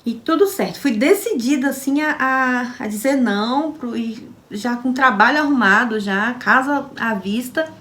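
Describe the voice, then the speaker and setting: A woman's voice: on the high side, measured pace, hardly any pauses. A woman telling her personal faith story in a casual, emotional way, acting out the voices of people she quotes. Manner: emotional, acts out quoted dialogue with lively shifts.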